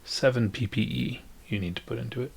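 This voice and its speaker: A man acting as game master, narrating a tabletop game and patiently explaining rules and scenes with many pauses and fillers. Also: mid-range voice, vocal fry, darkish tone, a little hiss or hum.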